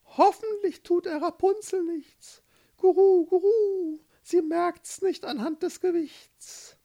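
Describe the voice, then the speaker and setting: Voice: very high voice, slow pace, dark tone, pitched above the performer's own voice, exaggerated voice. A storyteller voicing a pair of anxious, chattering doves that coo between words, in a read-aloud fairy tale. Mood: worried. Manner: cooing "guru" calls.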